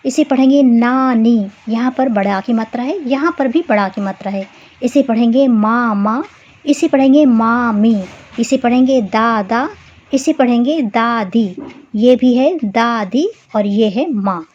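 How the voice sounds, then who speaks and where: A woman teaching a young children's class lesson, explaining slowly and patiently and spelling out words one by one. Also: fairly high pitch, lively intonation, a little mellow, highs cut off.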